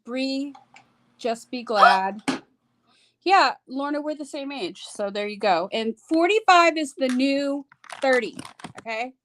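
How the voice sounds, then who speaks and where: A woman in her forties with a slightly high voice hosts a casual livestream. She chats in a friendly way and answers viewers' comments by name. She sounds like she is talking at home. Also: lively intonation, slow pace, background noise. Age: 40s. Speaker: livestream host and makeup seller.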